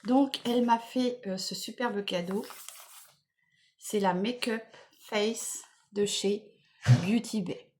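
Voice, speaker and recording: A woman in casual vlog chat, enthusiastically presenting gifts to her viewers, repeating words and filling pauses as she goes. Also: medium pitch, steady tone, darkish tone, slight background noise. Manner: chatty, enthusiastic, many fillers and repeated words. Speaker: beauty vlogger. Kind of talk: casual unboxing chat to camera.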